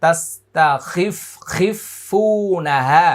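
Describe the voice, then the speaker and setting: A man from Bangladesh teaching Quran reading, spelling syllables aloud and then chanting verses in a high, drawn-out recitation. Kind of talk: letter-by-letter Quran recitation lesson.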